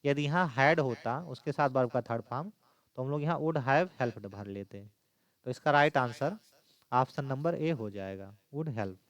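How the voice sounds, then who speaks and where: A man's voice: medium pitch, moderate pace, dry recording. Male teacher, mid-range voice, explains exam answers step by step and repeats the key points. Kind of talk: exam-prep lesson.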